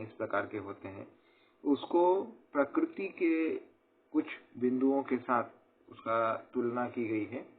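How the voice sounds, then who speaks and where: Man explaining verses over a tinny line. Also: mid-range voice. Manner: slow, explanatory, recites verses then glosses each phrase; repeats "ठीक है" as a check-in. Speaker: Sanskrit lecturer. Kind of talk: recorded college lecture explaining verses. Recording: tinny phone-line sound, faint hiss.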